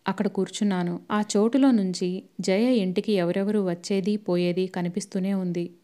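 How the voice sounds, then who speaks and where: A woman narrating a novel as an audiobook, reading in a steady, even storytelling manner. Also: mid-range voice, moderate pace.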